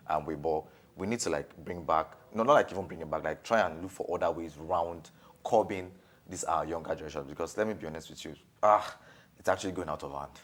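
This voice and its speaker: A man hosting a TV talk panel, who talks with many fillers and restarts. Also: sits low. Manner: hesitant, many fillers and restarts, agreeing often. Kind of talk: studio discussion.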